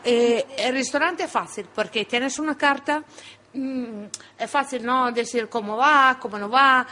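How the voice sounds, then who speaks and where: Halting woman with an Italian accent. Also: high voice, pushed and bright, a little hiss or hum. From Italy. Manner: halting, repeats and restarts words. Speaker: interview guest, former restaurant owner. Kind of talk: radio interview. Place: radio studio.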